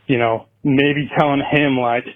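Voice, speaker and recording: A man's voice: medium pitch, steady tone, unhurried, a little hiss or hum. Man on a tinny phone line. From United States. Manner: rambling, casual, profane. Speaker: caller. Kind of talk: phoned-in voicemail question.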